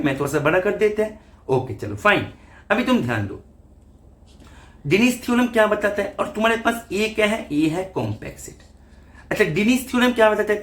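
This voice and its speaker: A man teaching maths in an online exam-prep lecture, walking students through each step by asking and answering his own questions. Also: high-pitched.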